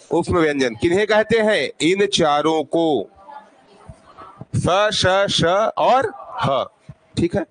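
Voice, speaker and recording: A man teaching a classroom grammar lesson, asking questions and answering them himself, repeating sounds to demonstrate them. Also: sits high.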